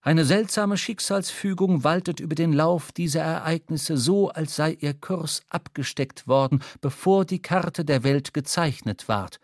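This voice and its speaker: A man narrating a literary sea story in a measured, storytelling delivery, recorded in a studio. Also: fairly high pitch, no room sound. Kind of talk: scripted literary reading.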